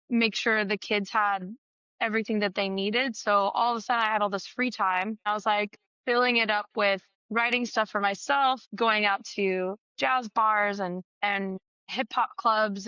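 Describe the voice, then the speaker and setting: A woman's voice: medium pitch, sharp tone, smooth, no room sound, muffled recording. A young woman from Argentina, a guest musician telling her story in a chatty, playful way over a video call. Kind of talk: casual interview chat.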